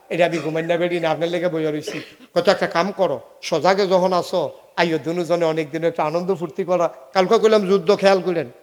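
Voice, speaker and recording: A man preaching a humorous sermon, telling a story, acting out dialogue and joking with the audience. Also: high voice. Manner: animated, jokes with audience, acts out dialogue. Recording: reverberant hall.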